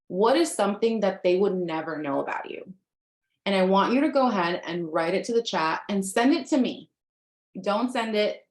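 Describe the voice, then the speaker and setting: Here the same kind of speaker appears: a thirtysomething American woman whose first language is Spanish, coaching an online workshop audience directly in an earnest, conversational manner. The voice is mid-range and a little mellow, with noticeable reverb.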